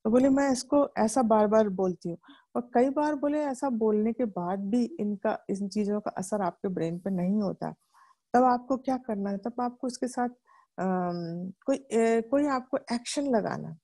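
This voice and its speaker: A middle-aged woman from India explains a self-help book to her viewers. She talks chattily, poses questions and answers them herself, and acts out the lines she quotes. Her voice is mellow and soft at the edges. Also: on the high side, a little slow.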